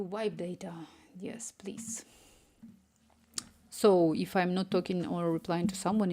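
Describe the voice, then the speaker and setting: A woman with a lowish, warm voice codes on a live stream from a room in her home. As an app developer with a Ukrainian accent shaded by Spanish, she keeps up a chatty, distracted flow, reading the chat out loud and murmuring to herself.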